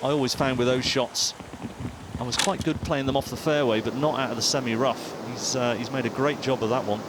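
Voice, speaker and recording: A man commentates on golf, talking through the play the way a former player would. His pitch is average and his tone steady, with a measured, sympathetic delivery, while a clear rumbling noise sits in the background.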